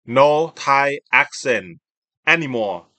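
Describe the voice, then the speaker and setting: A man chatting casually as a video host, giving his opinions in a halting, emphatic, repetitive way. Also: medium pitch, expressive, pushed and bright, no echo. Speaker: host of a self-recorded video.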